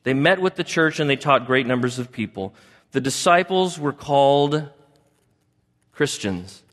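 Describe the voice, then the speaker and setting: A man's voice: mid-range voice, lively intonation, measured pace, fairly bright tone. A man preaching a sermon as pastor, talking in a conversational way and often asking the congregation questions. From United States. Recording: long hall reverb.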